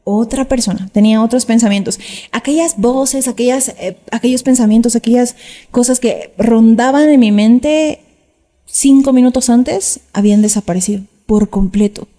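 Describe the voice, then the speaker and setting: Young woman vlogger, earnest testimony, higher voice, mellow tone, long reverb behind her. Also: moderate pace. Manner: earnest, acts out quoted voices. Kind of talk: emotional personal storytelling. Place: outdoors, on camera. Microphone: camera mic.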